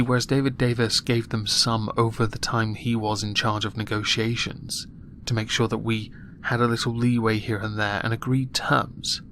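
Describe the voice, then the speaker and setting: A man giving a political opinion monologue in a flat, monotone voice while clearly annoyed. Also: medium pitch, a little hiss or hum. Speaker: political commentator.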